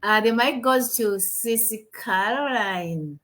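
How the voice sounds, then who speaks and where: Over a video call on her home computer mic, a webinar host from Uganda talks business in a casual livestream. She speaks slowly in a fairly bright, higher-pitched voice, upbeat and heavy on fillers and repeated words.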